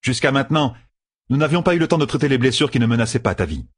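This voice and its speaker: A stern, blunt matriarch healer, put on by a male audiobook reader in a lifted, lively voice. She barks short orders and scolds without softening. The voice is husky around the edges. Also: mid-range voice, fast talker, pitched above the performer's own voice, natural voice. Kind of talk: audiobook character voice.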